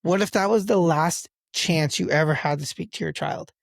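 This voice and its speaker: A man in his thirties co-hosting a casual talk show about parenting, telling stories with lively acted-out quotes. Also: on the high side, moderate pace, vocal fry, no echo, studio quality. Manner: animated storyteller who acts out quoted lines. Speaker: podcast co-host, father.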